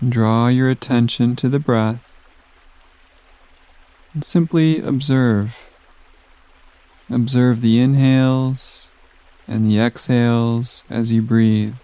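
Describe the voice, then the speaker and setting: A man guiding a sleep meditation in a soft, soothing voice with long pauses, recorded close on the mic. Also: mid-range voice, steady tone, smooth, no room sound. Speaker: meditation guide.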